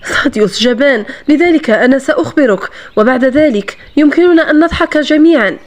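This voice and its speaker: A woman's voice: sits high, lively intonation, fairly quick. A woman reading the part of a proud, bitter young woman in a novel, speaking in a haughty, defiant way.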